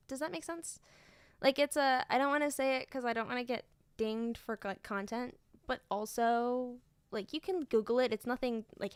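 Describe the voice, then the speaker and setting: Chatty young woman, smooth voice. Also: on the high side, fairly bright tone, no echo. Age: young adult. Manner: chatty storyteller, laughing often, lots of fillers. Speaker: streamer and student teacher. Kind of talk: casual chat.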